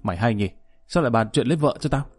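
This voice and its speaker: A man's voice: medium pitch, expressive, a little fast, mellow, no echo, studio quality, close to an everyday voice. A man voicing a stern, aging father who speaks curtly and coldly, scolding his children. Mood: gruff. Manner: curt, scolding.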